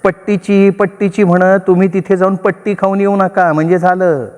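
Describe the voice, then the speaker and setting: A man's voice: high voice, level tone, moderate pace, pitched above the performer's own voice, close to an everyday voice. A man voicing a suspicious middle-aged wife who nags and needles her husband. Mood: needling, accusing. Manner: sharp, needling, accusing. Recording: long reverb.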